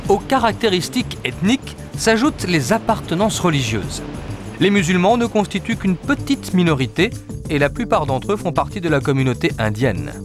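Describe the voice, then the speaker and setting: At a normal speed, a male narrator voices a travel documentary in a voice-over booth, with music clearly audible underneath. His fairly high voice swings through a broad, animated melodic range.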